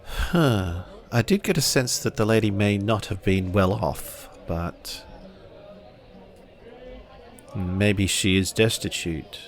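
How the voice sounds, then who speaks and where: In a samurai tabletop game, a man roleplays a thoughtful, observant traveller, musing aloud in improvised in-character dialogue. He speaks slowly and hesitantly in a voice on the low side.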